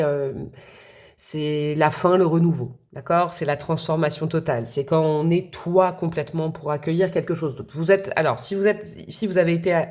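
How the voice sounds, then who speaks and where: A woman with a lowish, somewhat dark-toned voice gives a casual tarot reading, speaking straight to her viewers. She's friendly but hesitant, with plenty of fillers and restarts.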